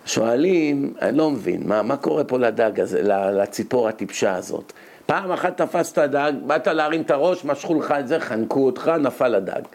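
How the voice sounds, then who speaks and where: A man giving a lively religious lecture as a rabbi, rhetorical and animated, his voice jumping up when he scolds. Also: medium pitch, vocal fry. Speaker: rabbi giving a Torah lesson.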